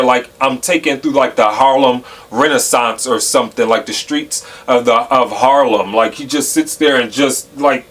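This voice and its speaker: A man hosting a reaction video, talking casually with lots of fillers and hyped shouts. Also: medium pitch.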